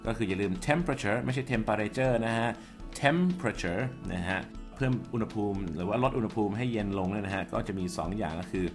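A man with a slightly low voice teaches vocabulary, walking through each word carefully and spelling it out. Soft music plays quietly beneath him. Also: quick pace. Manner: explains word by word, spells out letters. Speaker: English teacher. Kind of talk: vocabulary explanation.

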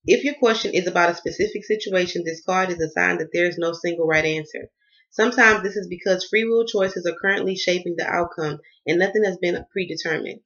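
Southern woman, tarot vlogger, bright forceful tone, emphatic and chatty, dull lo-fi home recording. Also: fairly low pitch, fairly quick. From Southern United States. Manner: emphatic, repetitive, addresses viewers as y'all. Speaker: tarot card reader. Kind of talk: casual tarot reading vlog.

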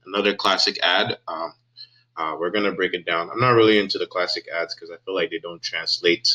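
A man's voice: sits low, sharp tone, slightly rough, rough recording. A man hosting his own channel, casually talking through an ad on his screen and thinking aloud with fillers and restarts. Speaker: host of a copywriting channel. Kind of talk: casual screen-share tutorial.

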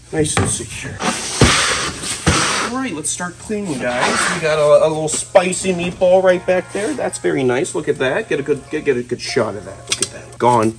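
Higher-voiced young man, enthusiastic vlogger. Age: 20s. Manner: enthusiastic, exclamatory, playful. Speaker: host, snake keeper. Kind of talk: casual vlog commentary while handling animals. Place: large metal-walled reptile room with concrete floor.

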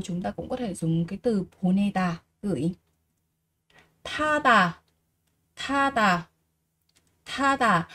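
A woman teaching a Korean vocabulary lesson in Vietnamese, reading each word slowly and repeating it before explaining. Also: medium pitch. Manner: slow, repeats each word three times and explains patiently.

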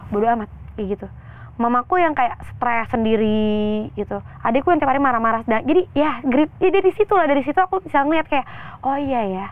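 A young woman actress, a guest in an interview, talking openly and telling a personal story in a chatty, animated way with quoted voices. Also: a little high. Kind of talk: candid interview talk. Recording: tinny phone-like sound.

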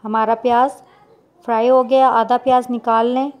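A woman, talking viewers through a recipe step by step in a plain, unhurried voice-over. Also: a little high, little pitch movement, darkish tone. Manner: plain instructional, unhurried with small restarts. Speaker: cooking channel host.

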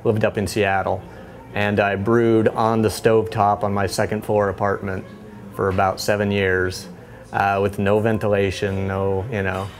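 A head brewer in his thirties, with a lowish voice, leads a casual brewery tour at a moderate pace. He's relaxed and loose, frequently pausing on fillers and restarting sentences. He wears a lapel mic while walking among steel tanks in a small brewery tucked inside a bar.

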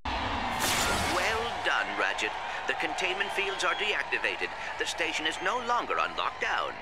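An actor playing a small, loyal robot sidekick in a video game, with precise, formal speech. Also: male voice, fairly high pitch, huge pitch swings, a little slow. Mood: earnest. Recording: loud game music behind.

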